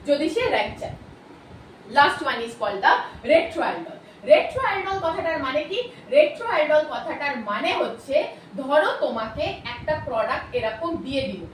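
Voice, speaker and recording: Bengali-accented woman teacher, high voice, kinda far from the mic, roomy echo. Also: slight background noise. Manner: quick, questioning, answers her own questions. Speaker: chemistry teacher. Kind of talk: video lecture. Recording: echoey room, voice from a distance.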